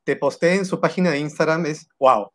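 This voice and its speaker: High-voiced Peruvian man, effusive co-host. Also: brisk. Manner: effusive, switching between Spanish and English. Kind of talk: casual live-stream hosting.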